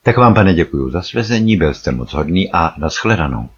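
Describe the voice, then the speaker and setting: A man voicing a curt, hurried young woman guide in an audiobook. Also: low voice, very animated, muffled recording, a little hiss or hum.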